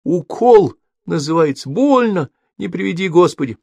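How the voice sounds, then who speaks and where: A man's voice: sits high, expressive, moderate pace, creaky, dark tone, no room sound, studio quality, pitched above the performer's own voice, full character voice. A man putting on a whiny little peasant boy. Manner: whining, pleading. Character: tearful little peasant boy, scared patient. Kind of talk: audiobook character voice.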